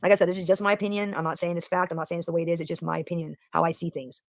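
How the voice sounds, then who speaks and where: American male streamer, rambling profane rant, very fast delivery, dry mic. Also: a little high, level tone, gravelly, no room sound. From United States. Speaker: livestream host. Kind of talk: casual political rant on a livestream.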